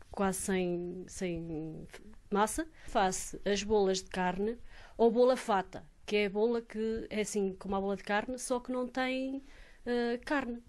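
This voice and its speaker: A woman's voice: mid-range voice, darkish tone. A woman in her thirties with a northern Portuguese accent, in a village kitchen, explaining bread-making plainly. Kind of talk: casual interview.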